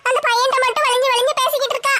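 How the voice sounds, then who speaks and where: Shrill, bright, flat-toned gossip with one eye, spiteful and meddling, in a comedy skit. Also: female voice, rapid-fire, slight background noise. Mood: gossipy. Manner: accusing, taunting village gossip.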